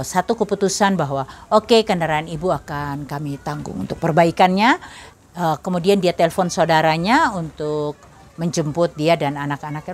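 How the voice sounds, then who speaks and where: Earnest middle-aged woman sharing a testimony. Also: fairly low pitch. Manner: earnest storytelling, addressing listeners as brothers and sisters. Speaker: testimony speaker. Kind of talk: personal faith testimony.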